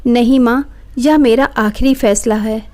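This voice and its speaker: A woman's voice: on the high side, steady tone, measured pace, dark tone, natural voice. A woman voicing a proud, angry young wife who talks sharply and defiantly.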